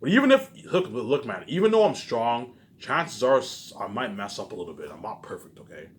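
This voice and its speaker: This vlogger's mid-range voice is sing-song and a little fast as he rambles casually and repetitively to his audience. He swears frequently, and his emphatic bursts trail away into muttered tags over a clearly noisy background.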